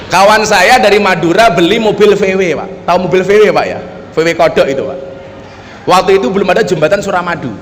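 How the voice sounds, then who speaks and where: A man's voice: sits high, fast, in a large hall. A man preaching a humorous sermon at a public gathering, telling jokey stories and often turning to address the audience directly. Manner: joking storyteller, often turning to the audience with "Pak". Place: public gathering with local officials.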